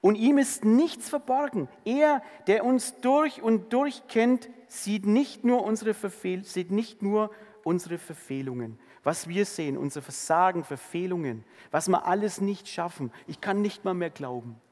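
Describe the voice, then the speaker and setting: A man preaching a sermon, earnest, moving between emphatic passages and hushed, tender ones. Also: high-pitched, lively intonation, unhurried, hardly any pauses, in a large hall.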